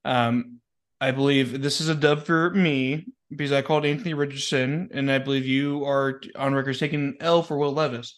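An excitable man, co-hosting a casual sports podcast in slangy talk. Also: medium pitch, moderate pace. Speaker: podcast co-host.

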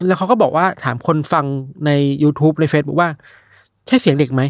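A man with a voice on the high side, at normal speed, casually retells strange news stories to friends in a studio-quality recording with no echo. He tells them animatedly, acting out the people involved with quoted voices.

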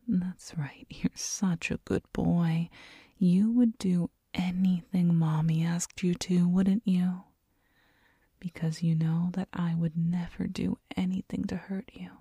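A woman playing a doting, teasing girlfriend in a whispered role-play, speaking slowly and tenderly, right in the listener's ear. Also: on the low side, steady tone, vocal fry, warm tone, breathy edge, dry recording, studio quality, exaggerated voice. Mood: coaxing, doting. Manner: slow, tender, coaxing. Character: doting, teasing, nurturing girlfriend soothing her partner. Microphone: very close binaural microphone.

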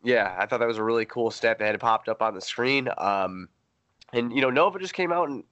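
Male podcast host, average pitch, casual halting sports chat, close dry sound. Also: fairly bright tone, smooth, no room sound, highs cut off.

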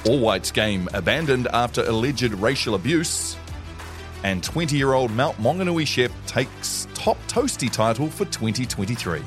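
A man's voice: mid-range voice, animated, moderate pace, faint music behind. A man with a New Zealand accent presenting conversational news chat as a morning radio co-host.

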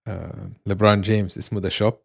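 A man's voice: on the low side, fairly even intonation, fast talker, creaky. A man with a Levantine Arabic accent co-hosting a casual sports chat, talking in bursts and often repeating himself. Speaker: sports show co-host. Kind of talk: casual chat about basketball.

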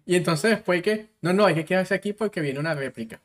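Relaxed Venezuelan man, casual podcast chat. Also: fast. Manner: relaxed, slangy, drops to low voice in anecdotes. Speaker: podcast co-host.

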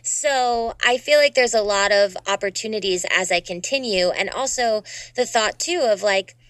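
A young woman in her twenties, a dancer and voice actor, chats freely as a guest in a casual interview, dropping plenty of "you know"s. Her youthful, upbeat voice sits at medium pitch, a bit bright and smooth, at a normal speed. The recording is dry.

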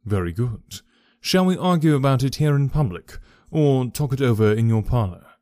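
A man voicing a calm, composed detective. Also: medium pitch, moderate pace, dry recording, clean studio sound, lightly acted. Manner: composed, smooth, quietly commanding. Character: calm, sharp-minded male detective.

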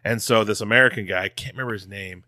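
A male podcast co-host with a lowish, bright, forward voice. He chats easily, laughs often and gets heated when telling a story. The recording is dry and close. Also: fast, no room sound. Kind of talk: casual chat.

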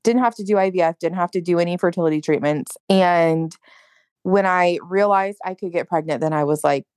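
Woman guest on a podcast, chatty, says like a lot, kinda low voice, dry sound. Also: normal speed, darkish tone, no room sound. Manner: open, conversational, many "like"s and "you know"s. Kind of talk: personal story in interview.

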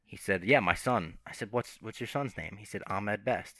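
A man chatting casually as a podcast guest, telling animated stories and acting out quotes. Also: fairly low pitch, normal speed, no echo. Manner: animated storyteller, acts out quotes. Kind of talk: casual chat.

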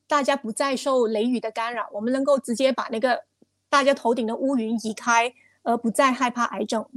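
A woman speaks as an expert guest. Her voice sits a little high and is recorded dry. She explains with examples and slips in English terms. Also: no room sound. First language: not Cantonese; speaks it casually only. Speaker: expert guest, cancer researcher. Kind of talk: live interview, explanatory talk.

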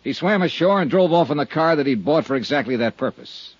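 A man's voice: a little high, animated, a little fast, breathy edge, dry recording. An actor playing a blunt, world-weary male insurance investigator in an old radio drama, narrating in clipped, sardonic tones. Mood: accusing. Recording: dull lo-fi old radio broadcast.

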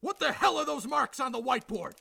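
An actor playing an exasperated, sceptical middle-aged police boss in an audio drama, with a gravelly rasp and a brusque, sarcastic beat-cop bark. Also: male voice, high voice, sing-song, moderate pace, sharp tone, exaggerated voice. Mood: furious, exasperated. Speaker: police commander.

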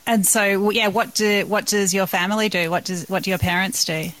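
A woman's voice: medium pitch, steady tone, brisk, fairly bright tone, low-quality recording. A woman interviewing a restaurant worker, asking friendly, encouraging questions. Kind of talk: casual interview.

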